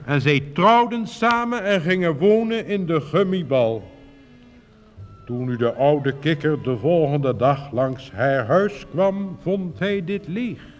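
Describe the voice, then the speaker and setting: Slow lilting male storyteller. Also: fairly high pitch, lively intonation, soft background music. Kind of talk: reading a fairy tale aloud. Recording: reverberant recording with faint hiss.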